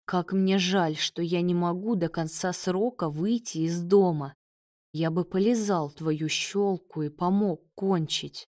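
Female reader as a pleading young man; low-pitched, unhurried, dry studio sound. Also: darkish tone, dry recording, natural voice. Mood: urgent. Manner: urgent, pleading.

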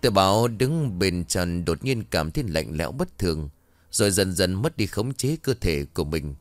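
A man narrating a ghost story in a steady, even way. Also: low voice, moderate pace, dry recording.

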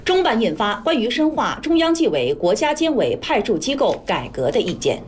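A woman with a standard mainland Mandarin accent reading scripted news as a formal, measured anchor. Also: fairly high pitch, sing-song, slight background noise.

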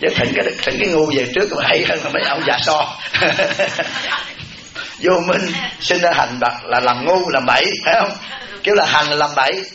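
Male monk, higher-pitched, folksy joking dharma talk; echoey, dull live recording, audience laughter behind. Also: fairly quick. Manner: folksy and teasing, repeats words for comic effect.

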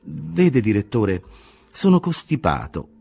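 A man's voice: mid-range voice, huge pitch swings, slow pace, gravelly, dark tone, breathy edge, soft background music, voice pushed up, exaggerated voice. A man voicing a polite, modest young man with a cold, speaking a little plaintively.

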